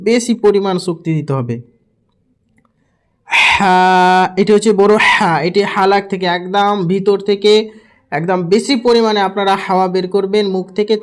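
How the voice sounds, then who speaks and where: A man teaching how to pronounce each Arabic letter, repeating each sound several times. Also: sits high. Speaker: Quran recitation teacher. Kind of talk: slow instructional lesson.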